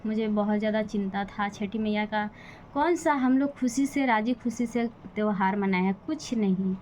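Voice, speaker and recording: A woman's voice: medium pitch, normal speed, darkish tone, slight background noise, rough recording. A young woman talking in a casual vlog, venting with bitter, defiant frustration about her family. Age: young adult. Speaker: vlogger. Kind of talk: casual personal vlog talk.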